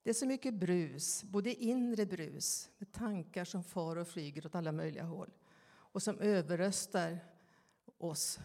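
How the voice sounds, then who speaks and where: A woman preaching in a church, her voice low-pitched, soft and mellow. She talks slowly and reflectively, pausing often and turning questions to her listeners, while a long reverb trails each phrase. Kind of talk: sermon.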